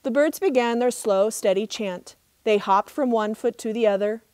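A middle-aged woman, a park ranger, reading a trickster tale as expressive, measured storybook narration outdoors. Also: a little high, no echo. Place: outdoors in open desert.

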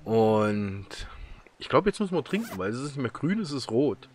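A man's voice: medium pitch, big pitch swings, moderate pace, darkish tone. Casting: German gamer guy, rambling chatty storyteller, mid-range voice, faint background hiss. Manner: rambling, chatty storytelling with many fillers and laughs. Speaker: gaming YouTuber. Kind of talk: casual let's-play commentary.

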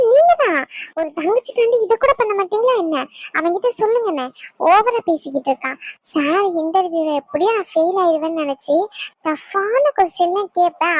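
A chatty little sister, as a woman voices her in a cartoon, boasting and teasing. Her voice is extremely high and squeaky. The sound is close and dry. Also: no echo. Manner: teasing and gushing.

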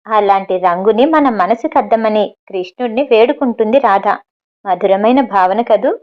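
A woman's voice: medium pitch, normal speed, highs cut off, close to an everyday voice. Woman reading a teasing young man on the phone. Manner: teasing and affectionate. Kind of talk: audiobook novel reading.

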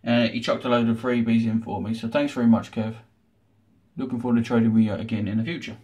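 Talking fast in a flat, warm, medium-pitched voice, a man hosts a casual retro gaming unboxing with dry, sarcastic asides. The audio sounds dull, and there's noticeable background noise from the small room at home where he records.

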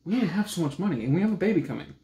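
Recorded indoors in a small home room, this thirtysomething book vlog co-host trades casual, teasing banter at a rapid-fire clip. His mellow voice sits high and sounds animated, with roomy echo from the camera being some distance away.

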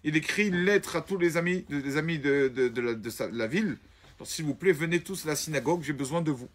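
Husky man telling a lively story. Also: fast. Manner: animated, acts out the characters in the story, often drops to a low murmur. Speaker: rabbi telling a Shabbat story. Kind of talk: spoken storytelling.

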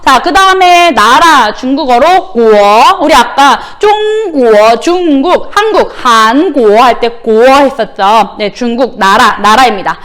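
A woman teacher, a native Korean speaker, gives a recorded Chinese lesson to middle schoolers, and her voice sits a little high. She keeps calling for another repetition and stretches the Chinese phrases out slowly so each tone is plain. She sounds patient and methodical. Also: lively intonation, a bit bright. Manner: drills words with repeated call-and-response prompts; slow, exaggerated pronunciation of Chinese words. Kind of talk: recorded online language lesson.

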